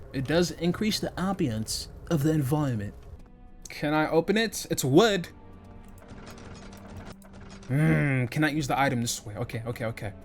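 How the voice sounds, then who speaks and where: A young man with a slightly high voice rambles through let's play commentary, joking and talking to himself as he goes. Faint music plays underneath. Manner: rambling, self-talking, jokey. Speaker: gaming channel host.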